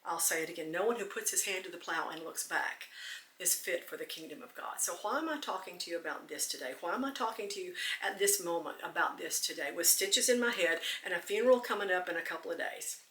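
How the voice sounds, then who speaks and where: A woman's voice: on the low side, quick pace, bright, forceful tone, far from the mic. A woman hosting a devotional podcast, earnest and teary, repeating phrases for emphasis. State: teary, close to choking up. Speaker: podcast host. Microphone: camera recording. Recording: echoey room, voice off-mic.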